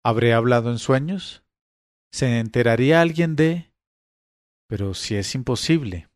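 Man, story reader, measured suspense, mid pitch, dry close sound. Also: no room sound. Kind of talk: literary reading of a first-person story.

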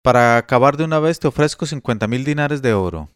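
A man's voice: medium pitch, animated, quick pace, clean tone, dry recording, studio quality, lightly acted. A man voicing a patient, courteous older merchant who bargains in a coaxing tone in a read-aloud tale. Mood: polite, coaxing.

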